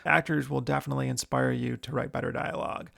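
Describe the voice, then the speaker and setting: A man who hosts a screenwriting show, giving writing tips in a relaxed, chatty way. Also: medium pitch, fast, gravelly, loud music behind the voice. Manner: relaxed, chatty, many fillers. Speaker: screenwriter and podcast host. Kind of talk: casual instructional talk.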